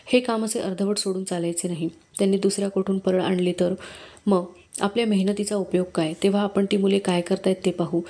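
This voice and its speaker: A woman's voice: mid-range voice, fairly even intonation, a little fast, dark tone, natural voice. A woman reading aloud and voicing a stubborn, spiteful older village man who gives curt commands. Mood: scheming.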